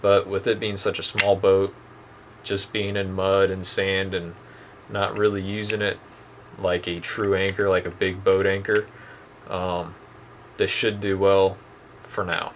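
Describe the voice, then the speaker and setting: A young man with a low voice talks through a gear demo in a dim room at home, relaxed and plain-spoken with frequent ums. Clattering handling noises come through clearly behind him. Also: unhurried, noisy background. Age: young adult. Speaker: channel host reviewing boat anchors. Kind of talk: casual product demo.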